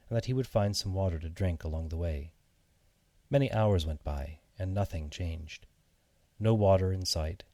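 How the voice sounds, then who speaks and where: A low-voiced man narrates a children's story as an audiobook, reading from a script in a measured, expressive way. The recording is very dry, with no room sound and no echo.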